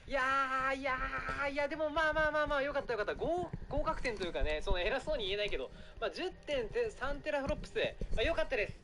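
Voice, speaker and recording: A man chatting casually on a live stream, excitable and rambling, often apologizing for being too loud. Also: extremely high pitch, fast talker, few pauses, a little hiss or hum. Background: background music.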